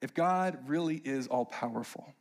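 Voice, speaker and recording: A young man preaching, telling a funny personal story and building to emphatic, animated preaching. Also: mid-range voice, normal speed.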